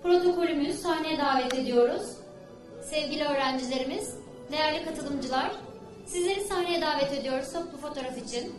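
High-voiced female emcee at a ceremony, heard over a PA system. Formal, measured stage calls. Roomy and distant sound, with music underneath. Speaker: event emcee. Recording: echoey hall from far off, music.

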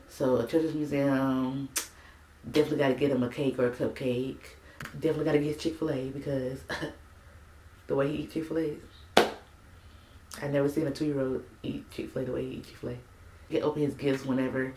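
A young woman vlogging casually to camera as a parenting vlogger, chatty and loose with plenty of "like" and "um", her voice still a little rough from the morning. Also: a bass voice, mellow. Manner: chatty, loose, full of "like" and "um" fillers. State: a bit of morning voice. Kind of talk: casual vlog chat to camera. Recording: echoey room, faint background noise.

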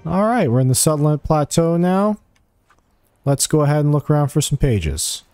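A man with a fairly high, sing-song, mellow voice gives a casual video game walkthrough at a moderate pace, thinking aloud and chatting to the characters as he plays. He hosts gaming guides, and music sits behind his voice with no echo.

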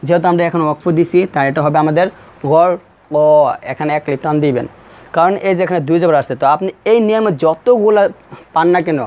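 A man with a Bangladeshi Bengali accent teaching the rules of pausing in Quran recitation, repeating each point slowly and drawing out the recited syllables. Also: a little high, fairly even intonation, a little mellow. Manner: slow, repetitive explanation, drawing out recited syllables.

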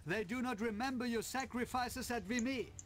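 An actress playing an enemy wartime propaganda broadcaster, declaiming and exhorting soldiers to surrender in a game. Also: female voice, fairly high pitch, moderate pace, natural voice.

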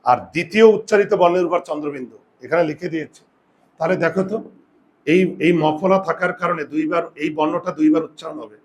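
A man teaching a Bengali grammar class, explaining step by step and asking students whether they follow. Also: on the high side. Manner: drawn-out, emphatic pronunciation of example words. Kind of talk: classroom lesson.

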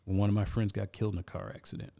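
A man's voice: fairly low pitch, level tone, rapid-fire, creaky, dark tone. A man who is a podcast guest, telling stories from his life in a casual studio chat, earnest and often restarting with repeated words.

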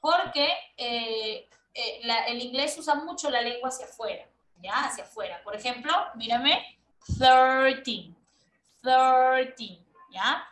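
High-voiced lady teacher on a video call, slow and patient, kinda far from the mic in an echoey room. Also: sharp tone. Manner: patient, repeats herself, checks in with "¿ya?". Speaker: English teacher. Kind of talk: online class for children. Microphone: laptop mic on a video call.

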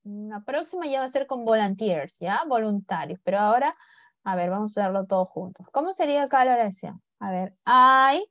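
A woman's voice: mid-range voice, expressive, fairly quick, a bit bright, no room sound. A woman teaching English to a class online, speaking mostly Spanish and coaxing her students to repeat words after her. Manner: coaxing, drills pronunciation by repeating.

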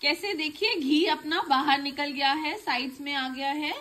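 A bright, lively young woman talks viewers through a home recipe step by step, friendly and chatty. Her fairly high voice rings in an echoey kitchen. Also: normal speed. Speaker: cooking channel host. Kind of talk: home cooking tutorial.

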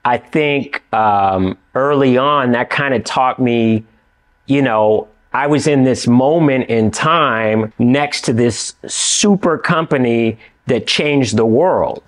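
Animated middle-aged man in a studio interview. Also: mid-range voice, takes it slowly. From California. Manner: animated, gestures with both hands, lots of "you know what I mean". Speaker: actor and writer, interview guest. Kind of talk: casual interview chat. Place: indoor studio with dark backdrop.

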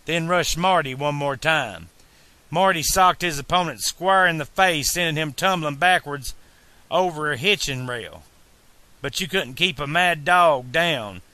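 A man reading a novel aloud as a fan audiobook narrator, in a slow, deliberate way. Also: on the high side, pushed and bright, no room sound.

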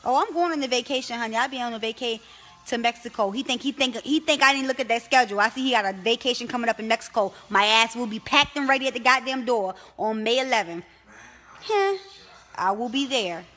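A woman with a Baltimore accent talks to her phone from bed in a casual livestream, teasing and swearing freely. Her voice sits a little high, and faint music plays in the background. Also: quick pace, fairly bright tone. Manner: teasing, profane, addresses viewers. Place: bedroom, in bed.

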